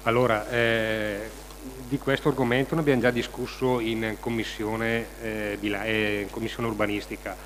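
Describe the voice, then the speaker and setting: A man's voice: lowish voice, flat delivery, normal speed, a bit bright. A man hesitantly introducing an agenda item at a council meeting, repeating himself and searching for words. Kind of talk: informal spoken presentation at a council meeting. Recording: noisy, echoing meeting hall.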